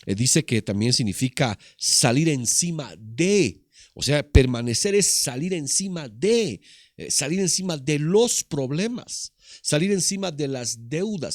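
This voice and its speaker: A male pastor delivers a sermon for an online service, his voice swinging widely in pitch as he stacks repeated phrases for emphasis. The sound is dry and close, with no room around it. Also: a little mellow, no echo. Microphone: online service broadcast.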